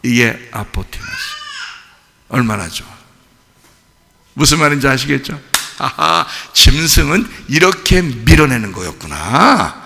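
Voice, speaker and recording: Pastor guy preaching big, shouts and acts stuff out, raspy gravelly bits, church hall echo. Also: mid-range voice, very animated, a little slow, long pauses, slight background noise. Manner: dramatic, acts out scenes with shouted quotes and laughs. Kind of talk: sermon.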